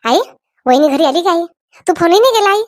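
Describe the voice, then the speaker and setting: A woman plays a talkative young married daughter in a cartoon. Her voice is high and eager. The recording is dry and close. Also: lively intonation, brisk, no room sound.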